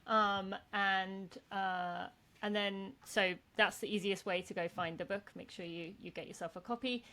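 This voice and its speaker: A woman's voice: medium pitch, fairly even intonation, measured pace, sharp tone. A woman with a British accent, chatting casually as a guest in a podcast interview. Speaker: podcast guest, author and podcast host.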